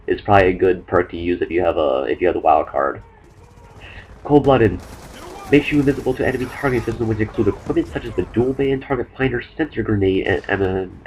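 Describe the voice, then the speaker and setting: A young man commenting over his own gameplay, talking fast and rambling with many fillers and restarts. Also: fairly low pitch, a little mellow, slight background noise, poor audio. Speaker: gaming commentator.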